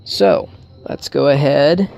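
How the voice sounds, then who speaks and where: Man, casual how-to narration, creaky voice, halting and wry, faint music behind. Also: fairly high pitch, a little mellow, dull audio. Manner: thinks aloud while working, halting, wryly joking. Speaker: hobbyist demonstrating an electronics hack. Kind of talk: casual hands-on tutorial narration.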